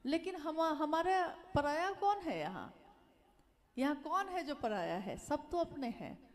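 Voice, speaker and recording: Woman, high voice, devotional sermon, earnest, exhorting, repeats phrases. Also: expressive, slow. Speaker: religious speaker.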